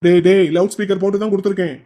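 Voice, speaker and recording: A kindly but grumbling man from a cartoon scolds in fast, fairly high-pitched talk, as a man voices him. He sounds fussy and warm-hearted at once. It is cartoon voice acting. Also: flat delivery, close to an everyday voice.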